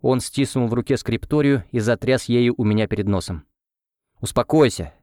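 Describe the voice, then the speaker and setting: A man narrating a first-person fantasy audiobook in a measured storytelling manner. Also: mid-range voice, warm tone, no room sound, clean studio sound.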